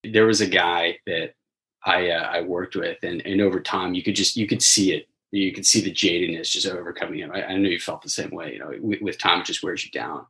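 A man's voice: low-pitched, steady tone, fairly quick, pushed and bright, low-quality recording. A man co-hosting a casual chat, telling stories from his sales job with frequent restarts and laughter.

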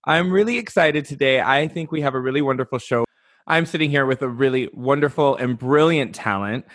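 Brief: man, talk-show host, gushing and laughing, medium pitch, dry close sound. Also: brisk, a bit bright, no echo. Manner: effusive, laughs often. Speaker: podcast host. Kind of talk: casual interview chat.

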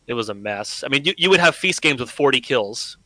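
A man's voice: medium pitch, expressive, fairly quick, pushed and bright, dry recording, poor audio. A man on a gaming podcast, emphatic, building his points and checking in with listeners. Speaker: podcast guest. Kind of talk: casual gaming discussion.

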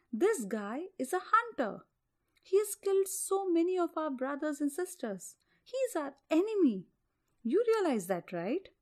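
A woman voicing a sly, hungry male tiger in a storybook tale, coaxing and pushy. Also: high-pitched.

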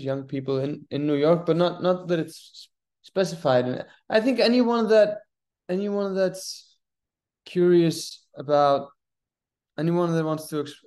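A young Icelandic theater artist in his twenties guests on a casual interview podcast. His fairly high, darkish voice comes across as thoughtful, full of restarts and repeated words.

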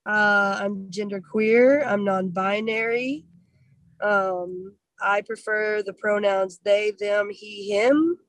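A woman-voiced podcast regular in casual chat, laid-back with halting, hesitant phrasing. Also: mid-range voice, no room sound, poor audio.

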